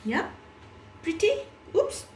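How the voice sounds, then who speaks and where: A woman's voice: slow, darkish tone, echoey room, slight background noise. A woman hosting a cooking video, chatting casually and walking through each step aloud as she cooks. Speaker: cooking channel host.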